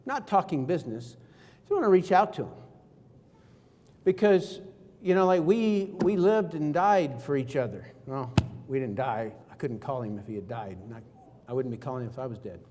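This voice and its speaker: A man giving an energetic, jokey seminar talk on network marketing, acting out phone calls with friends. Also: medium pitch, moderate pace, a little hiss or hum. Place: conference hall. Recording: reverberant hall.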